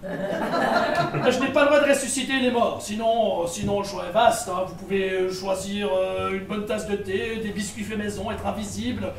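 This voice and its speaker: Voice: mid-range voice, fairly even intonation, normal speed, lightly acted. An actor playing a chatty, grandiose male genie with theatrical, exclamatory delivery in a comic drama. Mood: pompous, explaining. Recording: echoey room, distant mic, audience noise.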